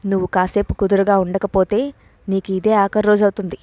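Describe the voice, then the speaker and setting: A domineering young man in an audio story, sarcastic and cold, handing out curt warnings, as a woman narrator reads him. The voice sits at a middle pitch and sounds close and dry, with no room around it. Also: level tone, brisk, darkish tone, dry recording, close to an everyday voice.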